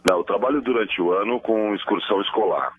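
Man, 30s, Brazilian accent, radio caller, easygoing chat, deep voice, muffled phone sound. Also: quick pace, slightly rough. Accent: Brazilian Portuguese.

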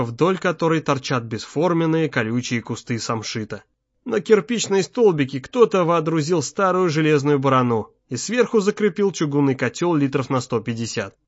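A male audiobook narrator reading in a measured, tense manner with a slightly high voice. The recording is dry and a little muffled. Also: no room sound. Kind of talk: scripted narration.

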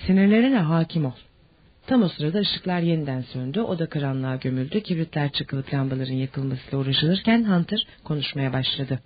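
A husky narrator reads a novel in steady audiobook narration. The sound is dull and lo-fi, with the top end rolled off. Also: medium pitch, a little fast, few pauses.

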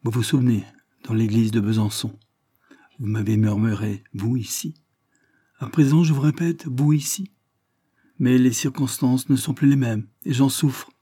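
A man's voice: medium pitch, fairly even intonation, moderate pace, mellow, breathy edge, no room sound, studio quality, natural voice. A man reading a heartbroken young engineer who pours out impassioned, bitter reproach.

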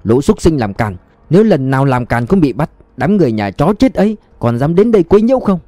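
A man's voice: mid-range voice, lively intonation, a little fast, warm tone, no room sound, lightly acted. A man doing a blunt, hot-tempered police chief. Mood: furious. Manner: blunt, angry.

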